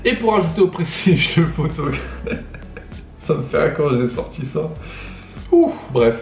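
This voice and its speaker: A man's voice: fairly high pitch, unhurried, faint music behind. A young man hosting a reaction video, reading captions aloud and joking about them with lots of laughter. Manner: animated, laughs often, reads captions aloud then mocks them. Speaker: YouTuber host. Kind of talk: casual reaction commentary. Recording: echoey room.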